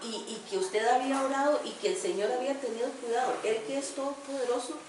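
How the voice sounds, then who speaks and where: A woman's voice: high-pitched, quick pace. A woman leading a group conversation, responding with affirming comments. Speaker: group leader. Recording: echoey room, distant mic, background noise.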